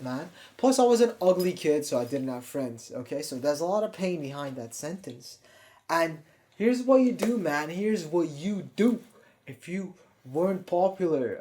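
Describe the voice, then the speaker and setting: A young self-improvement YouTuber from Turkey speaks English with an American-sounding accent in a slightly higher register with a darkish tone. His loose, confessional monologue is blunt and profane, and he rambles, restarting his sentences often.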